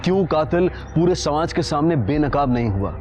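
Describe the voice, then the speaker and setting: A man's voice: a little high, lively intonation, moderate pace, a little mellow, faint music behind. A man giving grave, dramatic narration for a crime show, asking probing rhetorical questions.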